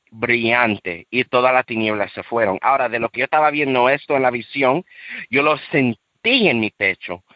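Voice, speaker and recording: A man giving an earnest, emotional personal faith testimony, repeating himself and rising high when he relives shouting. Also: dry recording, highs cut off. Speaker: guest sharing a faith testimony.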